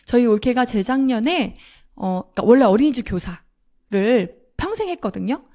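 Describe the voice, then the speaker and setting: A middle-aged woman with a somewhat high voice tells a personal story to a seminar audience. She is animated and acts out the lines she quotes. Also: normal speed. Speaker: speaker at a sales seminar.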